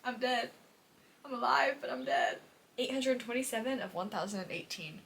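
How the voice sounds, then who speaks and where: A young adult woman chats casually to the camera as a book vlogger, her voice fairly high, creaky and fairly bright at a normal speed. She's dramatic and slangy, exaggerating emotions in a confiding reading-vlog style. Noticeable background noise runs under the recording.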